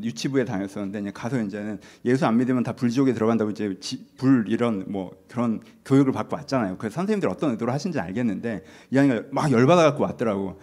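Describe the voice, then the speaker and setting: A man's voice: medium pitch, a little mellow. A middle-aged male pastor giving a conversational sermon, asking the congregation rhetorical questions.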